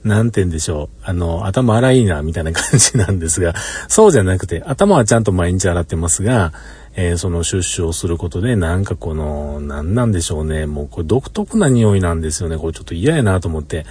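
A man's voice: low-pitched, animated, quick pace, a little mellow, husky. A man with a Kansai accent rambling in an easygoing way in a casual solo monologue, often chuckling, recorded inside a parked car. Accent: Kansai Japanese. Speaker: solo podcaster.

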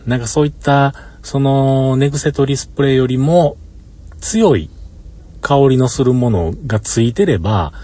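This solo podcaster has a mellow, medium-pitched voice with some breathiness and a Kansai accent. He talks in a relaxed, meandering monologue from inside a parked car, frequently breaking into chuckles.

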